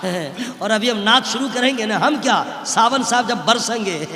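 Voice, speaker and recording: A man giving a humorous sermon to a live religious gathering, animated and often shouting. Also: high-pitched, background noise. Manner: animated, often shouting, acts out little dialogues. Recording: echoey hall with long reverb, public address.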